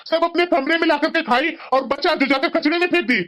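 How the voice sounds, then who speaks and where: Young husband, cartoon, scolding and lecturing, fairly high voice. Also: female voice, brisk, fairly bright tone. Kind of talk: Hindi cartoon voice acting.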